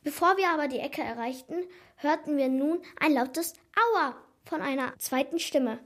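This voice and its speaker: A high-voiced woman tells a children's story in the first person. Her narration is animated and dramatic, the kind of expressive telling used for storybooks. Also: moderate pace.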